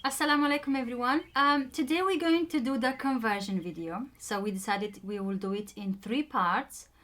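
A woman's voice: a little high, fairly quick, fairly bright tone. Young romanian-accented woman chatting to camera, lots of ums, restarts, easygoing. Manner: hesitant, full of ums and restarts. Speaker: vlogger telling her own story. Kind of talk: casual chat.

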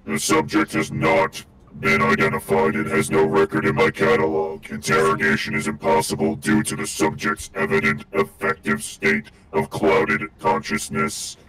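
A man's voice: moderate pace, reverberant, music in the background, low-quality recording. A man voicing a stern male tech-priest through a robot voice changer, formal and clipped as he demands answers. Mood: demanding.

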